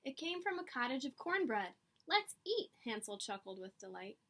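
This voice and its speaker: A woman reads to children from a picture book in a slightly high, sing-song voice that's a bit bright and a little fast. She dramatizes the story and pauses for teacherly remarks to her young listeners.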